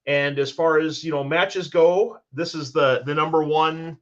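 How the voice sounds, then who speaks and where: Upbeat podcast host, slightly dull sound. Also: male voice, on the high side, steady tone, a little slow. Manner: enthusiastic, rambling, with restarts. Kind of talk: casual sports podcast recap.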